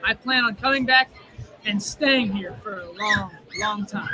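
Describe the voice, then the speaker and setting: A young man in his twenties, an injured wrestler, speaks in a high, bright, forceful voice at a slightly slow pace. He talks earnestly and confidently in plain language during a casual interview at a live wrestling show. The recording is low quality, with crowd noise in the background.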